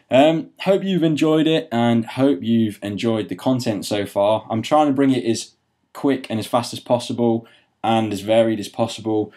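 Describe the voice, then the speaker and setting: A young man casually narrating gym footage as a fitness vlogger, chatty and relaxed. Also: medium pitch.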